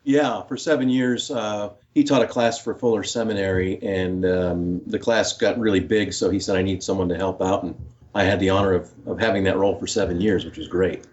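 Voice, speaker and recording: A man's voice: low-pitched, fairly even intonation, a little fast. A middle-aged man, an author and professor, telling stories in an interview with lots of fillers and restarts. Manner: warm storytelling with many fillers and restarts. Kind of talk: interview answers. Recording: dull, lo-fi remote line.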